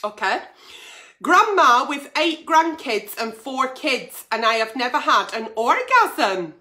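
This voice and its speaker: A woman's voice: sits high, very animated, takes it slowly, pushed and bright. A woman hosting a chatty livestream, blunt and sweary, her diction slightly slack without her dentures in. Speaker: online agony aunt show host, pantomime performer. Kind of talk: chatty late-night livestream, reading out letters.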